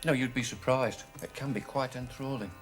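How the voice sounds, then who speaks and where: A man's voice: medium pitch, a little fast, lightly acted. An actor playing a mild, cautious, homely man, earnest and hesitant in natural TV comedy-drama dialogue. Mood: mildly defensive. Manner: hesitant, earnest, mildly fussy. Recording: music behind the dialogue.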